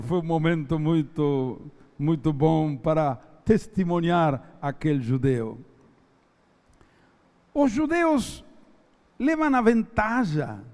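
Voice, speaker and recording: A man preaches in a high, animated voice. He reads scripture slowly and stresses each phrase. The reverberant church hall rings around him. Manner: emphatic, slow, drawn-out preaching cadence. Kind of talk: sermon with Bible reading.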